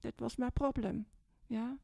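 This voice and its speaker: A woman's voice: fairly high pitch, steady tone, unhurried, creaky, a little mellow, dry recording. An older woman from Austria with an Austrian German accent, a Buddhist nun telling her story in a chatty way at a retreat, often checking in with "yes?" and "yeah?". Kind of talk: retreat talk, personal story. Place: large dim hall, seated on a low stage. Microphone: handheld microphone.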